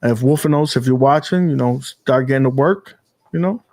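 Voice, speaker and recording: A man hosting a gaming podcast in casual chat, rambling and animated, with casual swearing. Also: medium pitch, a little fast. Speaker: podcast host.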